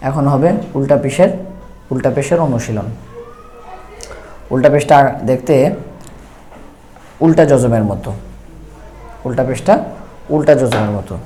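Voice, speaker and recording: A man teaching Quran reading, spelling out syllables slowly and then explaining briskly. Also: medium pitch, mellow, slight background noise. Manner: drawn-out syllable-by-syllable recitation; brisk explaining between drills. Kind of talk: slow spelled-out reading lesson.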